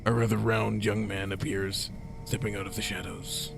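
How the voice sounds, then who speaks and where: A man's voice: fairly low pitch, flat delivery, moderate pace, gravelly, over music. A man hosting a gaming video, reading visual novel narration aloud with casual asides.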